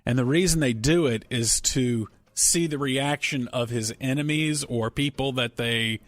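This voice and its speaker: A man's voice: mid-range voice, measured pace, no room sound. A man hosting a casual radio talk show, rambling and joking as he reads listener emails and banters with his co-hosts. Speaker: radio host. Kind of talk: casual sports radio chat.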